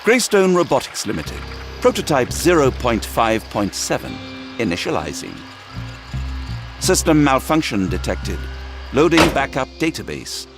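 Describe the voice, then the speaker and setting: Game robot booting up: formal, gravelly, stammers through his restart. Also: medium pitch, very animated, measured pace, over music. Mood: mechanical. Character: old-fashioned male British robot archaeologist, polite.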